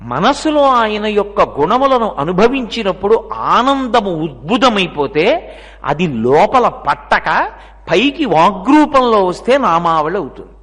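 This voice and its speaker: A man's voice: high voice, big pitch swings, unhurried, fairly bright tone. A man with a Telugu accent giving a devotional discourse, asking the audience rhetorical questions and using everyday examples. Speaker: religious discourse speaker. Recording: long reverb of a lecture hall.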